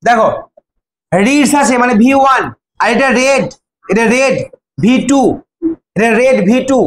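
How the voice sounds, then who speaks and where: A man's voice: very high voice, measured pace, a little hiss or hum. A young man teaching an English grammar class, calling on students by name and drilling them with repeated prompts. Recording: echoey classroom, faint ambience.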